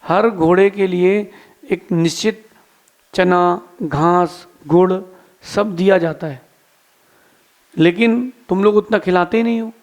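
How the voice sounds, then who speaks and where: A man's voice: high-pitched, slow pace, long pauses. A Jain monk giving a sermon, telling a story with acted-out dialogue and then advising his listeners directly.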